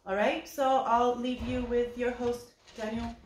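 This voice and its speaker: A woman's voice: fairly high pitch, level tone, measured pace, a little mellow, a little hiss or hum. A woman teacher introducing a guest speaker to a class, in a friendly, loose way. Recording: echoey classroom with chattering students.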